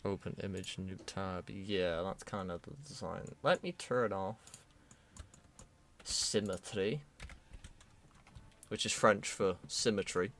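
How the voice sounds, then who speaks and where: A man's voice: low-pitched, slow pace, pauses often, slight background noise. British man chatting dryly while he works. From United Kingdom. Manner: relaxed, self-deprecating, dry jokes. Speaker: streamer, 3D artist. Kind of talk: casual chat while working.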